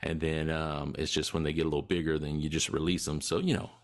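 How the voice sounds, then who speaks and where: A man's voice: extremely low pitch, flat delivery, quick pace. A man, chatting casually as a podcast guest in a laid-back, dryly humorous way. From Louisiana. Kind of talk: casual chat.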